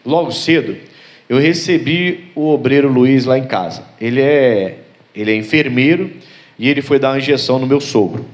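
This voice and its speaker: A man's voice: mid-range voice, moderate pace. A man, a pastor preaching a sermon, telling stories and asking his congregation rhetorical questions. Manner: storytelling with acted voices and rhetorical questions.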